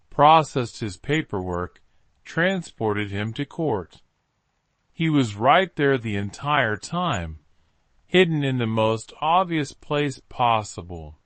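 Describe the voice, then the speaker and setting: Man reading as thoughtful detective, slow fireside storytelling. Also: mid-range voice, a bit bright, no room sound. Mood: amused. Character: thoughtful, self-assured male detective, gently amused. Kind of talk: story dialogue read by narrator.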